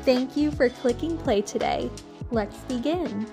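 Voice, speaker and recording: A woman's voice: sits high, expressive, unhurried, over music. A woman podcast host delivering a scripted introduction to her show.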